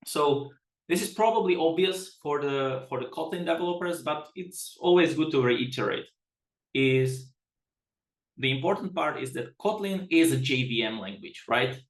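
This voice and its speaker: A man's voice: a little high, lively intonation, normal speed, reverberant. A man from the Czech Republic giving a webinar presentation as a product director, chatty and self-deprecating, often restarting his sentences.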